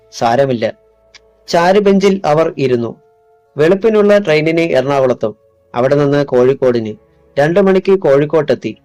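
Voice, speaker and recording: Man narrating an audiobook, dark-toned. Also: fairly high pitch, no room sound. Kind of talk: scripted narration.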